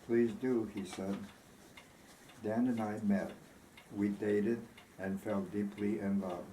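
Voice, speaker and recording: A man reading a scripted story aloud in a measured, deliberate way, voicing the dialogue as he goes. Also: fairly low pitch, steady tone, mellow. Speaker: reader of a short story. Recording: roomy echo, faint background noise.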